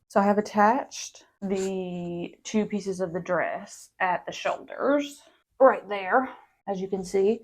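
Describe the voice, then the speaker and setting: A young woman hosting a casual home sewing tutorial, chatty and quick to interrupt herself. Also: medium pitch, a little mellow. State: a little out of breath. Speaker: sewing channel host.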